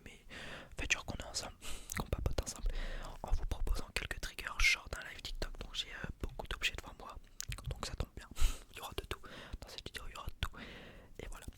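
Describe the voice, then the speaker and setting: A young man doing casual ASMR chat in a quiet, breathy night-time whisper, rambling informally and hesitantly. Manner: quiet, unhurried late-night murmur. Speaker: ASMR video creator and streamer.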